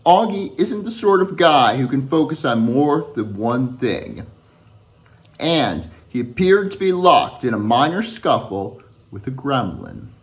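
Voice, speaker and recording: In a furnished room at home, a middle-aged author reads his children's novel aloud to the camera. His medium-pitched voice has an expressive, deliberate storytelling manner.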